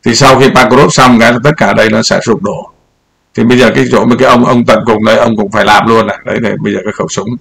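Gravelly-voiced older man, rambling. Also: mid-range voice, fairly even intonation, very fast, a bit bright. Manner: rambling, repeats words, points at the map. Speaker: political commentary host. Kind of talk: casual commentary over a map.

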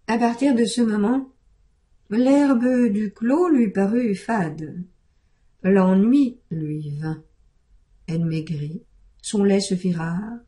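A woman reading a storybook tale aloud in an unhurried, expressive way. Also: medium pitch.

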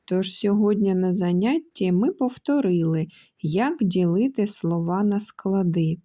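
A woman teacher speaks slowly and gently in a warm, mellow voice. She pronounces every syllable with care for small children and now and then calls out a word, stretching it long. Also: mid-range voice. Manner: drawn-out syllables and calling out words to show stress. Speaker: kindergarten teacher. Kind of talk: slow, carefully articulated lesson for young children. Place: kindergarten lesson recording.

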